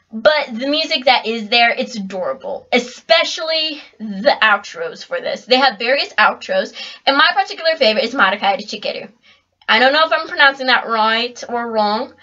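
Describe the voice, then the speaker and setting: Young woman gushing about anime to her viewers, bright voice, kinda dull lo-fi mic. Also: fairly high pitch. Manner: chatty, excitable, addresses viewers directly. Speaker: anime reviewer. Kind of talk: casual video review. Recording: dull lo-fi home recording.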